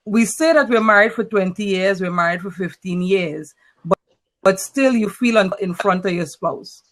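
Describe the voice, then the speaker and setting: A woman's voice: medium pitch, moderate pace, fairly bright tone. A woman with a Trinidadian accent hosts a casual panel discussion over a video call, speaking earnestly and often repeating words as she starts a thought. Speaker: host.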